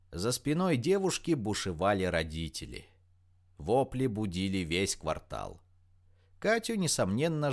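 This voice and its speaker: A man reading an audiobook in an expressive, dramatic narration style. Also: low voice.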